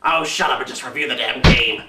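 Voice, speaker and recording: A man's voice: mid-range voice, a little fast, very noisy, natural voice. A man playing a gloating, short-tempered undead supervillain doctor in a theatrical, exclamatory comedy sketch. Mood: irritated. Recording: echoey room, distant microphone.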